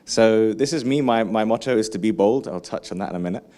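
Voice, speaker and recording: A man giving a lively conference keynote, engaging the audience with questions and frequent asides. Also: lowish voice, fast talker. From England. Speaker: keynote speaker.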